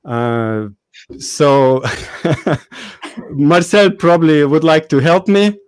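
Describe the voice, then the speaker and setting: A man's voice: a little high, expressive, drawn-out words, clear, resonant tone, no echo. A man with a Lithuanian accent hosting a live webinar, chatty and hesitant, with many fillers and laughs. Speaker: host. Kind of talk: casual live webinar chat.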